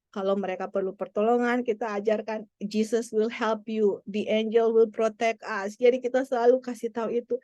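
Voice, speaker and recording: Brief: mother sharing a testimony, earnest and repetitive, fairly high voice, dry close sound. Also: darkish tone, dry recording.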